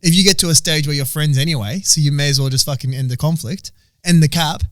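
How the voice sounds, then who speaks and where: A man's voice: a little high, fast, fairly bright tone, no echo, studio quality. A young Australian man co-hosting a podcast in casual, crude banter, swearing and laughing often. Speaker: podcast co-host.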